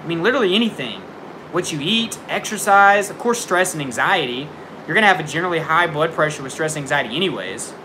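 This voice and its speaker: Fast and animated, this slightly high male voice belongs to a young livestream host fielding viewer questions from his home. His advice is frank tough love, full of fillers, and thunder from the storm outside his window keeps startling him, so he sounds jumpy. Background noise is audible.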